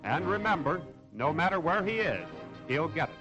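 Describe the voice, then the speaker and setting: A man's voice: on the high side, big pitch swings, moderate pace, muffled recording. A man narrating a 1940s newsreel in a dramatic, declamatory manner, heard on an old newsreel recording. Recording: old newsreel soundtrack with loud music.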